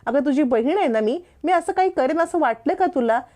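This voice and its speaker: A woman's voice: sits high, animated, brisk, mellow, voice pushed up. A woman voicing an earnest young wife who pleads and explains to her angry sister. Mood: pleading.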